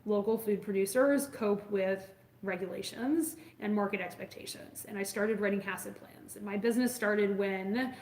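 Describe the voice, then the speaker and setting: A woman in her forties speaks in a casual monologue to her viewers, explaining the food business she consults for. She talks enthusiastically and rambles, with plenty of fillers and restarts. Her voice is mid-pitched and carries a roomy echo. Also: normal speed, a little mellow. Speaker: food safety consultant and coach. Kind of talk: casual talking-to-camera monologue.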